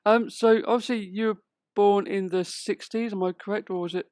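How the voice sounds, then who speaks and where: A man hosting a podcast, speaking slowly and a little formally, with light jokes. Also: high voice, steady tone, a little mellow, no echo, clean studio sound. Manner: slow, slightly formal, joking. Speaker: podcast host.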